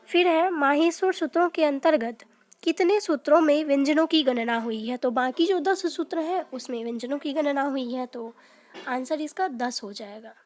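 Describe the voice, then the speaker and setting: A woman's voice: sits high, moderate pace. A woman teaching a lesson on quiz questions, explaining each answer step by step and often checking in with her students. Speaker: Sanskrit teacher.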